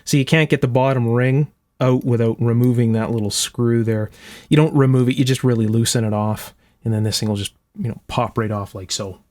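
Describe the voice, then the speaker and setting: A man with a mid-range, slightly mellow voice talks a little fast with fairly even intonation, and there's no room sound. He hosts an electronics restoration channel and is giving a hands-on demonstration in an indoor workshop, thinking aloud in a casual, methodical, step-by-step way.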